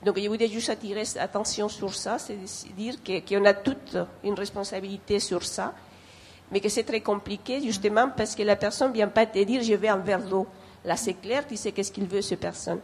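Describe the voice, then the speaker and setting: A woman's voice: mid-range voice, steady tone, normal speed, darkish tone, husky. A woman with a foreign accent, not a native French speaker, speaking earnestly and hesitantly off the cuff, repeating phrases as she searches for words. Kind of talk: spontaneous remarks at a public discussion.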